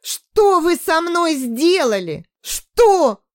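A woman's voice: medium pitch, lively intonation, slow pace, a little mellow, dry recording, studio quality. A woman reading an audiobook, voicing a terrified young woman held captive who screams and pleads in hysterics. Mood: hysterical screaming. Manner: screaming, sobbing pleas.

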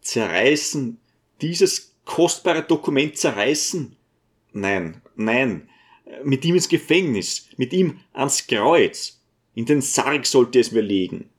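A man reading an audiobook and voicing a grave, weary old archpriest who speaks slowly and solemnly. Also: mid-range voice, animated, close to an everyday voice. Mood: firm. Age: older. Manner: slow, solemn, sighing.

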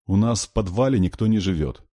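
A man's voice: on the low side, lively intonation, brisk, warm tone, voice pushed up. A male reader voicing an anxious, bossy teenage girl who speaks urgently.

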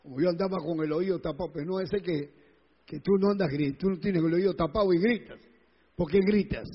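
A man preaching a sermon, his voice high-pitched and a little husky. He hammers each point home by repeating his phrases. The recording is dull and lo-fi, with long church-hall reverb. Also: fairly quick. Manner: emphatic, repeats phrases, acts out quoted voices. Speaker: pastor.

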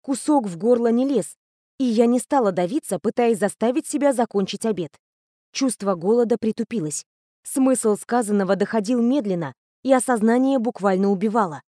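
A woman's voice: fairly high pitch, moderate pace, dark tone, no echo, clean studio sound. Woman narrating an audiobook. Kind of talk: first-person scripted narration.

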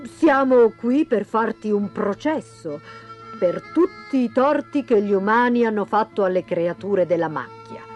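A woman voicing a pompous pelican acting as prosecutor, speaking slowly and solemnly. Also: medium pitch, expressive, a little mellow, soft background music, close to an everyday voice. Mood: solemn accusing. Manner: slow, solemn and accusing.

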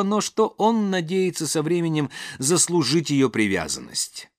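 Expressive male audiobook narrator. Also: fairly high pitch, no room sound, clean studio sound. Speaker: audiobook reader. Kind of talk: scripted narration of a classic novel.

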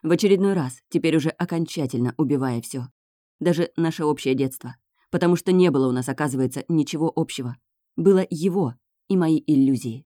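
A woman's voice: sits low, fairly quick, warm tone, no room sound, studio quality. Woman reading a tense first-person novel. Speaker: audiobook narrator.

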